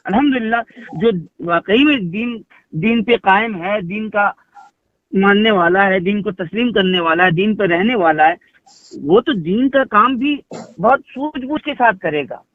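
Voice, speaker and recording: A religious speaker on a phone call, this high-voiced man talks at a measured pace, emphatic and insistent. He goes on at length, repeating himself and asking rhetorical questions, through a muffled narrowband phone recording.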